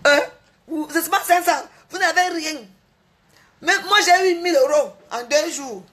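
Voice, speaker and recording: A woman's voice: sits high, moderate pace, fairly bright tone. A woman on a livestream, boasting and mocking her rivals in a repetitive, taunting rant. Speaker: social media livestreamer.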